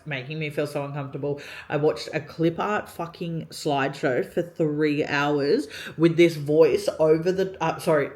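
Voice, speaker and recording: A young woman telling a story while getting ready, chatty, swearing often and filling her talk with "like". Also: sits low. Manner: chatty, heavy swearing, many "like" fillers. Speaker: vlogger.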